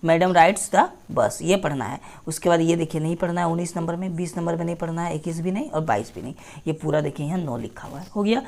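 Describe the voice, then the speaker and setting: A woman's voice: on the low side, quick pace, hardly any pauses, darkish tone. Woman teacher reading a syllabus aloud. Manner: repetitive, checks in with "theek hai". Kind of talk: screen-share syllabus walkthrough.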